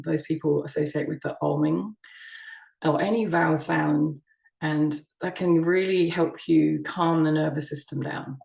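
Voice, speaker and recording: A soft-spoken woman from the United Kingdom, a sound healing practitioner, giving a gentle summit talk with frequent ums and restarts. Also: sits low, gravelly, reverberant, distant mic, low-quality recording. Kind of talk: online summit presentation.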